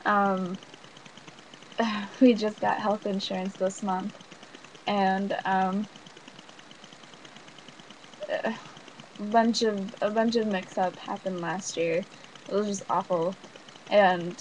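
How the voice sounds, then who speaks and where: A woman's voice: medium pitch, a little mellow, a little hiss or hum, rough recording. A young pregnant woman talking casually on a vlog, rambling with fillers and nervous little laughs. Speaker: vlogger. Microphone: webcam or built-in mic.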